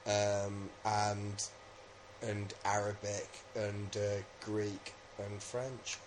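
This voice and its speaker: A man's voice: fairly low pitch, completely flat delivery, extremely slow, a little hiss or hum. A man from England co-hosting a podcast in casual, rambling, jokey chat. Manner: jokey, rambling, with many fillers. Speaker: podcast co-host.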